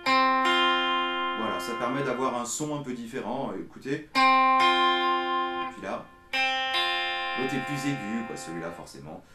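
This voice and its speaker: A man giving a casual guitar lesson in a small room, talking in a relaxed way and counting beats aloud. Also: medium pitch, takes it slowly, pauses often, roomy sound. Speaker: guitar teacher. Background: electric guitar playing.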